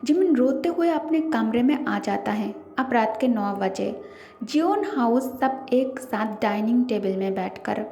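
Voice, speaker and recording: A woman narrating a fan-fiction story in a steady storytelling manner. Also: fairly high pitch, a little slow. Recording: echoey reverberant room.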